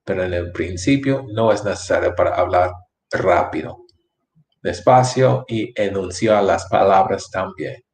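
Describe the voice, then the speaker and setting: A man teaching English in a language lesson, speaking slowly and repeating words with careful enunciation. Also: deep voice. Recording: echoey room.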